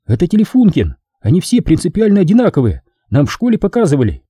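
Guy doing a perky young radio girl, eager and bright, husky edge, dry close sound. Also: sits high, wildly swooping pitch, fast, no room sound, voice pushed up, exaggerated voice. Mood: eager cheerful. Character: young cheerful female partisan radio operator.

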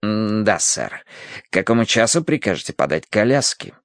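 A man voicing a calm, unflappable Victorian butler who speaks in a measured, deferential way in an audiobook. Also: lowish voice, dry recording, clean studio sound.

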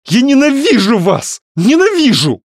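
Field: storybook. Figure: a man voicing a desperate young noblewoman. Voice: shrill, tearful. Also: big pitch swings, moderate pace, no echo, studio quality. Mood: pleading, distraught. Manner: high strained falsetto, tearful outbursts.

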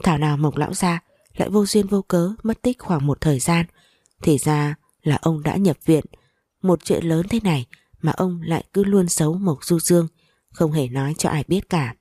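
A woman narrating an audiobook story in a steady, even storytelling manner. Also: sits low, moderate pace, breathy edge, dry recording, studio quality.

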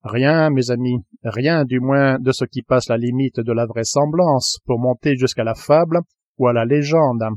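A man reading a classic novel aloud as an audiobook narrator, in a measured, literary storytelling manner. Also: medium pitch, a little mellow, no echo. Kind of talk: scripted narration.

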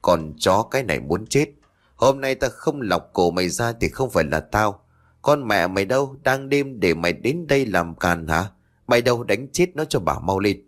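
A man's voice: fairly low pitch, lively intonation, normal speed, close to an everyday voice. A man doing a cruel screeching matron. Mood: furious. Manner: abusive, shouting insults. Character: cruel shrieking rich matron, middle-aged woman.

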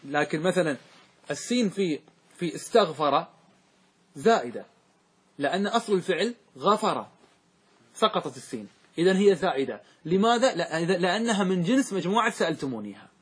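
A man's voice: high voice, animated, fairly quick, breathy edge. A man teaching a grammar lesson in a classroom, quizzing his students and having them answer back. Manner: questioning, drills students in call and answer.

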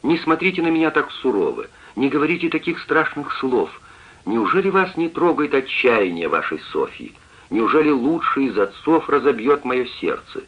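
A tender young daughter begs and implores, as a male reader puts her on in a raised, lively voice that is a little husky. The radio-play audiobook sounds dull and lo-fi. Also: medium pitch, normal speed, voice pushed up. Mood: pleading. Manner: imploring, tender, tearful pleading. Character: young woman, a pleading loving daughter.

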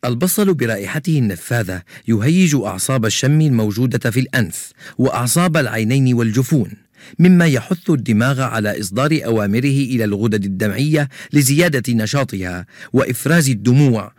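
An actor playing a calm, knowledgeable young science buff who explains things in a children's radio drama. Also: male voice, mid-range voice, quick pace, dry recording, clean studio sound, close to an everyday voice. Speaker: science expert character in a radio show.

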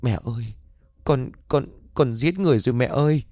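A man's voice: mid-range voice, moderate pace, warm tone, no room sound, clean studio sound, lightly acted. A man voicing a frightened, spoiled young woman who stammers and pleads tearfully with her mother. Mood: pleading, tearful.

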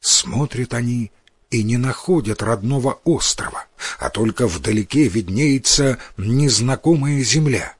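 A man reading a fairy tale aloud in a dramatic, expressive storytelling voice. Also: medium pitch, measured pace, husky, dry recording. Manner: dramatic, lively.

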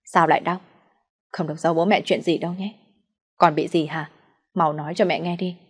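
A woman's voice: deep voice, fairly even intonation, fairly quick, slightly rough. A woman voicing a worried middle-aged mother pleading over the phone. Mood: anxious. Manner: anxious, pleading.

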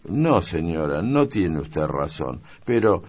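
A man voicing a lively, chatty young servant girl in a high, eager voice in an audiobook reading. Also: slow pace, highs cut off, full character voice.

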